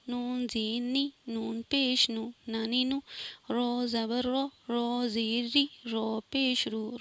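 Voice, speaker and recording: Woman teacher drilling syllables, bright and dry. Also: fairly high pitch, dry recording. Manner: patient, drawn-out syllables with quick asides of explanation. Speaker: Quran reading teacher. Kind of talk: slow letter-by-letter recitation lesson.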